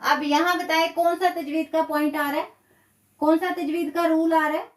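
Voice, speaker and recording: A woman's voice: very high-pitched, fairly even intonation, echoey room, distant mic. A woman teaching Quran recitation rules in a live online lesson, explaining patiently and repeating key words. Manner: slow, patient explaining with repetition.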